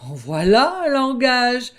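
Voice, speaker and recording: A woman's voice: on the high side, big pitch swings, takes it slowly, pitched above the performer's own voice. A woman voicing a boastful young male wolf who blusters and stammers when caught out, in a storybook reading. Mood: haughty.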